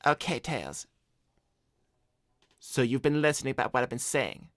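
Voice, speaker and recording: Playing a cocky, broke hedgehog slacker dishing out shady advice, a man chats in character during an improvised cartoon livestream, casual, blunt and sure of himself. His medium-pitched, fairly bright voice is very animated at normal speed, recorded in studio quality with no room sound.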